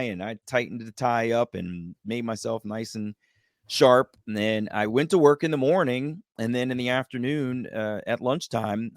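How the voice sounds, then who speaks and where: A man telling a personal story as a podcast guest, lively and acting out the voices of the people in it. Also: mid-range voice, no echo, clean studio sound. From United States. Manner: animated, acts out quoted voices. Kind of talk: storytelling in a casual interview.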